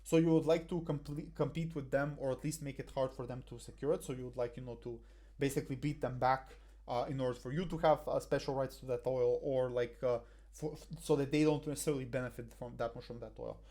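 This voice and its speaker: This young Bulgarian man, a debate coach, speaks fast in a medium-pitched, dark and steady voice as he walks through a debate motion over slides. He wears a headset in a small room and stumbles through fillers and restarts.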